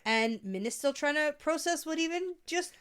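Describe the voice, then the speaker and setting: Animated, fairly high-voiced woman co-host. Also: moderate pace. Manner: animated, laughs often. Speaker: podcast co-host. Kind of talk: casual book discussion.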